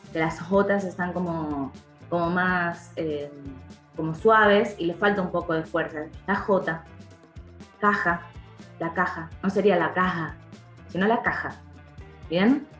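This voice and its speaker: A woman with an Argentine accent talks through pronunciation as a podcast guest, often repeating a word to show a sound. Her voice sits at a middle pitch. The recording has a roomy echo and faint music underneath. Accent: Argentine Spanish. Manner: explanatory, demonstrates sounds by repeating words. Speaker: voice-over artist and dubbing actor, guest. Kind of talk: podcast interview.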